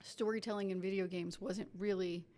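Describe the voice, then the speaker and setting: A woman hosting a podcast interview, relaxed and casual, giving encouraging fillers and swearing now and then. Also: medium pitch, normal speed. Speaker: podcast host.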